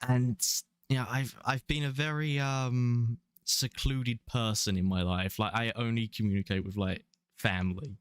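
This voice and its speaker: Streaming a game, a London-accented young man from England, in his twenties, rambles casually with the odd chuckle. His medium pitch stays fairly even, and he speaks at a moderate pace in a smooth voice. The sound is studio quality with no echo.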